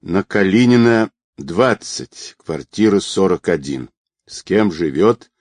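A beaten middle-aged crook , as a male reader puts him on, groaning hoarsely and spitting out hostile words. His voice sits low and rough in a dry, close recording. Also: expressive, takes it slowly, darkish tone, no echo, heavily acted.

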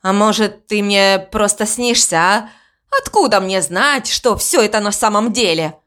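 A woman's voice: mid-range voice, a little slow, a bit bright, close to an everyday voice. A woman reading an audiobook voices a grumpy, stubborn middle-aged man who grumbles and argues. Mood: arguing. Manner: grumbling, quarrelsome.

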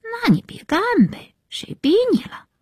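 A woman voicing a sulky high school girl who mutters back at her mother. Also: wildly swooping pitch, a little slow, dry recording, studio quality, exaggerated voice. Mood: sullen. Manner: sullen muttering.

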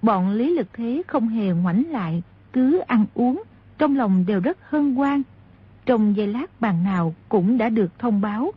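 A woman narrating a martial-arts novel in a steady storytelling voice. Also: fairly high pitch, measured pace, husky, dry recording. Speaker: audiobook narrator. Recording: dull lo-fi audio.

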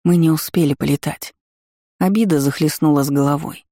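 A man giving steady, scripted audiobook narration. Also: fairly high pitch, brisk, dry recording, studio quality.

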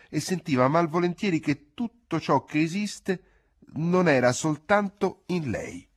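A man narrating a literary audiobook in a measured, expressive storytelling manner. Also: mid-range voice, husky.

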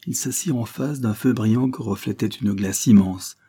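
A man narrates a classic novel in a measured, storytelling manner. His low voice is mellow and dark, with a husky edge. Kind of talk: audiobook narration.

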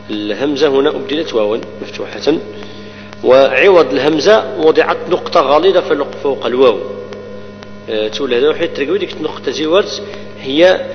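A man teaches the rules of Quran recitation, explaining each rule and then reciting example words slowly and repeating them. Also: medium pitch. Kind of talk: tajweed lesson with recited examples. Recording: dull lo-fi recording with long reverb and hum.

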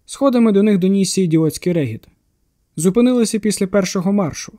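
A male audiobook narrator with a fairly high voice, telling a tense story. His reading is steady and measured, carrying the scene forward without hurry. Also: dry recording, studio quality.

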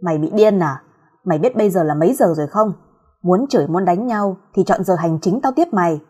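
A woman's voice: mid-range voice, animated, fairly quick, a little mellow, breathy edge. A woman doing a cursing, scornful neighbor. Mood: scolding. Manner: grumbling, cursing, scolding. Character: coarse, scornful middle-aged woman neighbor.

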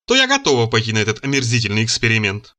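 A man's voice: medium pitch, wildly swooping pitch, very fast, pushed and bright, voice pushed down. A man reading the part of a stately, prim middle-aged woman teacher who speaks with haughty dignity. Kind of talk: audiobook character reading.

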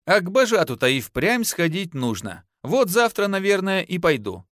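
An earthy young peasant wife, teasing and quick to scold, in a raised, lively voice, as a male audiobook narrator puts her on. Her folksy talk swings up and down in a close, dry recording. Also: high voice, no echo, voice pushed up. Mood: homely.

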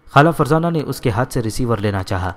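A man narrating a novel in a steady, even storytelling manner. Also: mid-range voice, long reverb tail.

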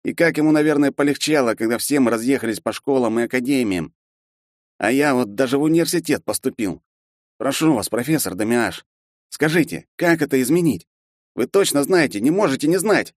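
A man's voice: medium pitch, expressive, a little fast, no echo, studio quality, voice pushed up, natural voice. A man reading an audiobook voices an arrogant half-elf student, a big bully who turns to pleading. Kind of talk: audiobook character voice.

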